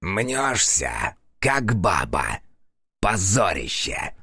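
A rude, mocking tengu demon with a crow's beak speaks in a strangled, croaking voice, as a male audiobook narrator puts it on. Every word comes slow and drawn out, the pitch leaps up and down with scorn, and the recording is close and dry. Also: huge pitch swings, bright, forceful tone, no echo, exaggerated voice. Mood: scornful. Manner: insulting, sneering, drawn-out words. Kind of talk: audiobook character voice.

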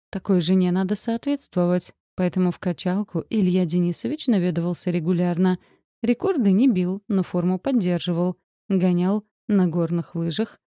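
A woman reading an audiobook in an even, wry storytelling manner. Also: fairly low pitch, no room sound, clean studio sound. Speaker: audiobook narrator. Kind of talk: scripted narration.

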